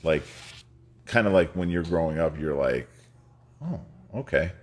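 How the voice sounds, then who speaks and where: A very deep, lively male voice, a little slow, belongs to a New York man in his fifties. As a guest, he tells his life story in a rambling, casual way, laughing often and full of fillers and restarts.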